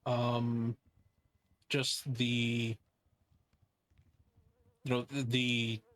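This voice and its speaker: A man giving improvised courtroom testimony as a justice, explaining in a measured, hesitant way. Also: medium pitch, little pitch movement, fairly bright tone, no room sound. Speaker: witness, a justice in role-play.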